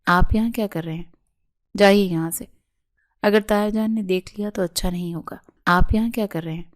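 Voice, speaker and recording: A woman's voice: mid-range voice, fairly even intonation, natural voice. A woman reading the lines of a wounded young wife who coldly refuses her husband. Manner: cold and cutting.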